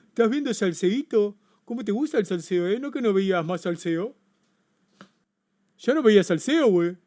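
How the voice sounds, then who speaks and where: Man, Argentine accent, livestream reaction, excitable, profane, repetitive. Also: high-pitched, moderate pace. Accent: Argentine Spanish. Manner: excitable, swears a lot, exclaims and repeats himself. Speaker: streamer.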